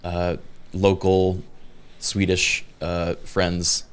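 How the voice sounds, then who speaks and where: Brief: low-pitched male podcast co-host, rambling, halting casual talk. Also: monotone, smooth. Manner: rambling, hesitant with many fillers. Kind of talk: casual chat.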